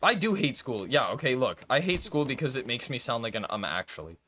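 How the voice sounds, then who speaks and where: A man's voice: medium pitch, sing-song, brisk, bright, forceful tone, soft background music. A man chatting casually and rambling to his viewers while streaming a game, swearing and laughing often. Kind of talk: casual gaming stream chat.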